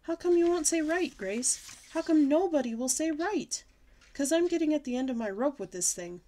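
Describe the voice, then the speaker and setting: An excitable kindergarten girl squeals her demands in a shrill, breathless rush, as a woman reads her. Her voice jumps very high and loud, bouncing all over. She sounds bossy and desperate at once. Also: fast talker, close to an everyday voice. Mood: pleading. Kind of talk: audiobook character voice.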